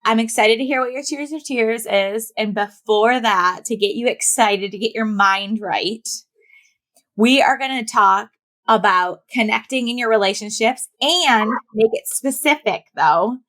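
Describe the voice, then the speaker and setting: A woman's voice: a little high, measured pace, fairly bright tone. A woman in her thirties co-hosting a podcast, chatting casually and playfully with lots of fillers. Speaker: podcast co-host. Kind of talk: casual chat.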